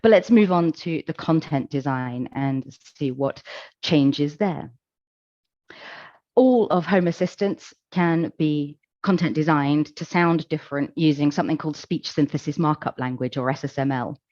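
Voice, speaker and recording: A woman giving a conference presentation, explaining in a measured, calm way with occasional fillers. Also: sits low, no echo, dull audio. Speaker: conference speaker. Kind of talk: presentation talk.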